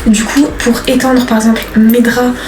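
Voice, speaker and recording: A woman's voice: a little high, level tone, moderate pace. A 19-year-old woman chatting casually to the camera as a vlogger, upbeat and chatty, showing her things as she talks. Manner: chatty and upbeat, lots of fillers, shows items to the camera. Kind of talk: casual vlog chat. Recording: music playing underneath.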